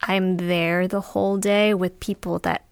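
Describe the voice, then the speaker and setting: A woman's voice: lowish voice, level tone, unhurried, gravelly, no echo. Woman chatting, close and dry sound. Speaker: podcast co-host. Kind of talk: casual chat.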